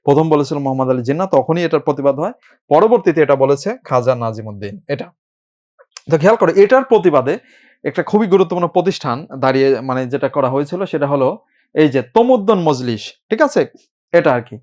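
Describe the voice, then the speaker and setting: A man teaching an admission coaching class, informal and brisk, often checking in with his students. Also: fairly high pitch, lively intonation, darkish tone. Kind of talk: live online class lecture.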